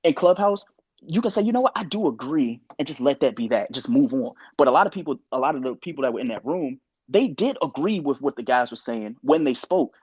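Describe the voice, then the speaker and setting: Opinionated man, husky dry voice. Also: mid-range voice, a little fast, dry recording, muffled recording. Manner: animated, opinionated, quotes others in voices. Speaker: podcast co-host. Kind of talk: casual podcast discussion.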